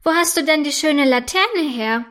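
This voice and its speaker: Woman voicing a kind little girl, caring, gentle, high voice. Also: expressive, normal speed.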